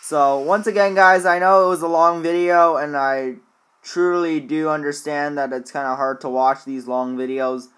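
A man's voice: a little high, fairly even intonation, normal speed, fairly bright tone, smooth. Man doing casual gameplay commentary. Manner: informal, chatty, addresses viewers directly. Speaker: video host, flight simulator player.

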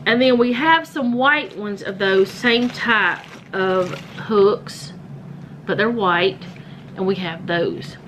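A woman's voice: on the high side, background noise. A woman, chatting casually at home as she films with a handheld phone and shows household items, rambling and correcting herself as she goes. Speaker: home vlogger. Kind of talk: casual show-and-tell vlog. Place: home, indoors.

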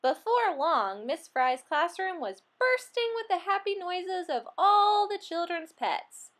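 Lady reading a kids' picture book out loud, high voice, slow and super sing-songy. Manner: expressive, acts out animal sounds. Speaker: storybook reader.

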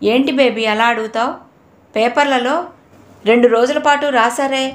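A woman's voice: on the high side, fairly even intonation, normal speed, lightly acted. A woman reading as a grieving older aunt. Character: tearful older aunt, kind housekeeper. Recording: roomy echo.

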